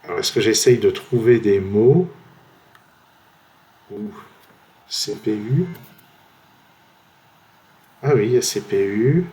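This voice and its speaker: A French man thinking aloud, slowly trying one word after another while playing a word-guessing game at his computer. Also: lowish voice, expressive, mellow. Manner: slow, musing, trails off while guessing.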